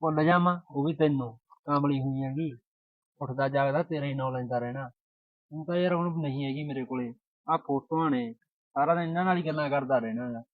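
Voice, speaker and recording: A man's voice: a little high, brisk, dry recording, natural voice. A young man plays a lovesick village lad, mournful and pleading. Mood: grieving. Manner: mournful and pleading, dropping his voice. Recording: tinny phone-like sound.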